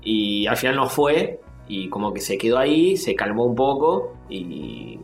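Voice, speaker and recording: A man's voice: lowish voice, measured pace, creaky, faint music behind. Rioplatense man telling a story, roomy sound. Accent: Rioplatense Spanish. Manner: animated anecdote-telling with acted quotes. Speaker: podcast co-host. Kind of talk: casual storytelling chat.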